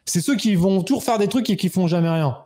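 Male guest, thirties, quick animated storyteller who acts out the dialogue. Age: 30s. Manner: animated, acts out quoted dialogue with raised pitch. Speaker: interview guest. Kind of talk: casual storytelling.

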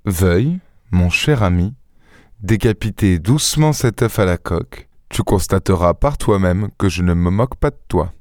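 A man voicing a suave, teasing gentleman-thief. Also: low-pitched, expressive, moderate pace, no room sound, studio quality. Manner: playful, ironic, airy. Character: suave witty male gentleman-thief, mocking and self-assured.

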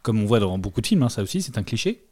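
A man's voice: on the low side, very animated, fast, a little mellow. A man interviewing a comics author, engaged and asking long questions. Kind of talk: casual interview.

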